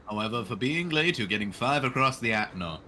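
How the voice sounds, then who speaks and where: A man streams a live read-aloud of a visual novel, adding dry, irreverent jokes as he goes. His mid-range voice is lively, pushed and bright, at normal speed with slight background noise.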